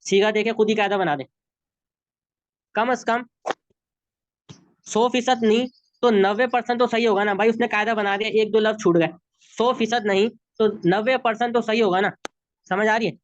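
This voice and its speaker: Urdu-accented male tutor, higher register, patient and repetitive, dry muffled video-call audio. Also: fairly even intonation, normal speed, long pauses, dry recording. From Pakistan. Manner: patient, repeats rules, checks understanding. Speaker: Arabic grammar teacher. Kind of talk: online class lesson.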